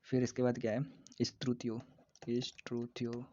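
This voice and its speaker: A man teaching biology for an exam, repeating terms slowly and joking with his students. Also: medium pitch, monotone, a little mellow, slight background noise. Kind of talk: casual exam-prep lesson. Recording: dull lo-fi recording.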